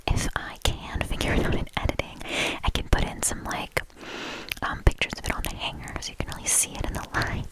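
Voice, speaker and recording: A woman whispering a casual, rambling ASMR chat in a soft, unvoiced voice, lingering on and repeating soft words. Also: low-quality recording. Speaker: host of a knitting ASMR channel.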